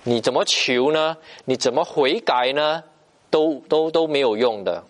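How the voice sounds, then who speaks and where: A man preaching a sermon, emphatic and repetitive, pausing often to stress his points. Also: mid-range voice.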